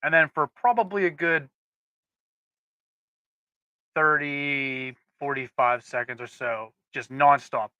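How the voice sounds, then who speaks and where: A man's voice: on the high side, slow, long pauses, bright, forceful tone, no echo, lo-fi sound. A man co-hosting a casual podcast chat, telling rambling stories with frequent restarts. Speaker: podcast co-host.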